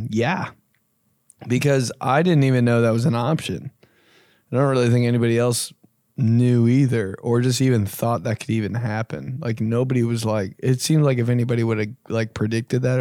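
Young guy podcast host, gravelly voice, dry close sound, rambling and swearing a lot. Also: medium pitch, a little mellow, dry recording. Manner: laid-back, profane, rambling. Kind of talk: casual podcast chat.

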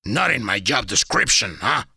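A smug, chatty tomcat in a storybook who never stops lecturing, as a man plays him, with a gravelly, bright, sharp edge. He draws his words out slowly and swings his pitch up and down as he mocks. The voice sits close and dry. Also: very animated, no room sound, heavily acted. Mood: mocking. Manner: mocking, lecturing, laughs at his own jokes. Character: smug male cat, talkative revolutionary.

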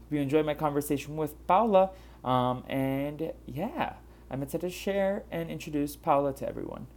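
A man's voice: fairly high pitch, moderate pace, darkish tone. A man from Brazil hosting a casual podcast interview, chatty and loose, with many fillers and restarts. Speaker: podcast host.

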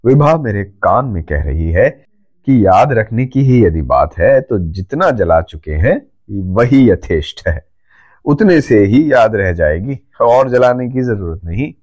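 Kind, teasing young woman, a bit higher; voiced by a male reader. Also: very animated, unhurried, a little mellow. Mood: coaxing. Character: gentle, playful young woman.

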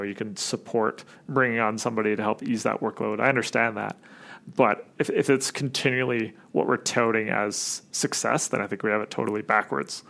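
A podcast guest, a man who heads an agency, talks through his ideas in a casual, reflective way. His voice has a gravelly rasp, and he relies on plenty of "like" and "you know.". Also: fairly low pitch, a bit bright. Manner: casual, reflective, many fillers. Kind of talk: interview answers.

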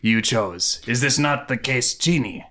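A grandiose kobold braggart, played by a man in a tabletop game. The voice is forceful and bright, with stilted, theatrical phrasing and great self-importance. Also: mid-range voice, lively intonation, measured pace. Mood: self-important. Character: boastful, grandiose kobold contestant with a genie lamp. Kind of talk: improvised tabletop role-play.

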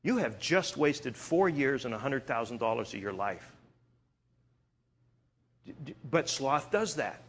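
A man from Eastern Canada preaching a sermon, telling stories in an animated way and often restarting his sentences. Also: mid-range voice, measured pace, long pauses, slightly rough. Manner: animated storytelling with frequent restarts.

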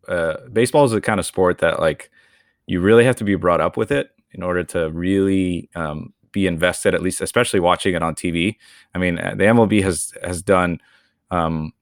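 A man's voice: deep voice, no room sound, studio quality. A young man from Venezuela, co-hosting a podcast, explaining at length in a casual, rambling way. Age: young adult. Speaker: podcast co-host. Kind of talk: casual chat.

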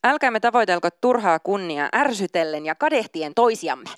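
A woman's voice: mid-range voice, very animated, clear, resonant tone, dry recording, studio quality. A woman pastor giving a sermon, reading scripture aloud and then talking casually and informally.

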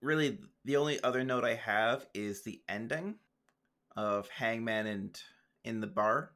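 A man's voice: medium pitch, measured pace, a bit bright. A man co-hosting a podcast, chatting casually with easygoing dry asides and frequent laughs. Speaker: podcast co-host. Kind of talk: casual chat recapping a show.

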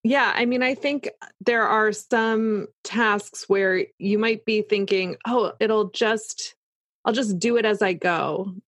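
A woman's voice: medium pitch, slow pace, dry recording. A woman in casual, explanatory conversation, talking through examples as if voicing her own thoughts.

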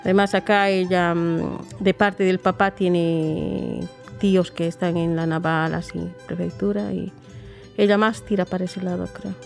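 A woman, recalling her life in a soft, reflective, halting way. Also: lowish voice, fairly even intonation, gravelly, soft background music. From Bolivia. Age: 40s. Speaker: interviewee. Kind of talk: personal storytelling interview.

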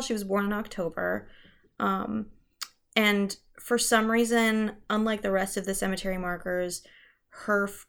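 A woman's voice: medium pitch, vocal fry. A young woman co-hosting a podcast, chatting casually through ghost stories with lots of fillers and self-corrections. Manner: chatty, many fillers and restarts, laughs at herself. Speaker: podcast co-host.

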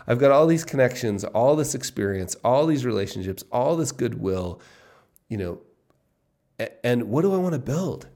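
Excited gravelly-voiced man in his fifties. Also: medium pitch, moderate pace. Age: 50s. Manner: excited, musing aloud, repeats himself. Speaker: podcast host. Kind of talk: casual solo podcast monologue.

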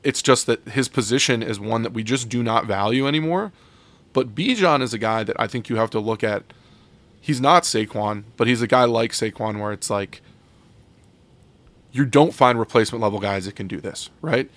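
A man's voice: medium pitch, moderate pace, a bit bright, no room sound. A man co-hosting a sports podcast, talking casually and loosely with many fillers and restarts. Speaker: podcast co-host.

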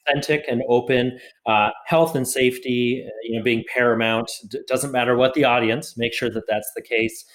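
A man hosting a podcast interview, summarizing the guest's points in a measured way before asking his questions. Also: mid-range voice. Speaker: podcast host.

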